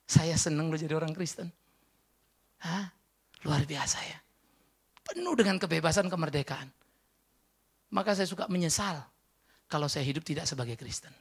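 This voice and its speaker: A woman preaching a church sermon, firing rhetorical questions at the congregation and breaking into emphatic exclamations, swinging between loud and hushed. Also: low-pitched, expressive, normal speed, vocal fry, long pauses, slightly rough.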